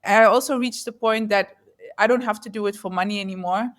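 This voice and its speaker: Her voice is mid-range, steady, brisk, and fairly bright: a woman raised in the Netherlands, interviewed as a guest entrepreneur. She talks earnestly and reflectively, frequently hunting for the right word.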